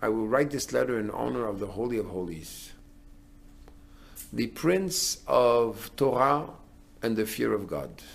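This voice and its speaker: A man's voice: mid-range voice, animated, unhurried, creaky. Earnest rabbi man giving a sermon. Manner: earnest, building to emphatic declarations.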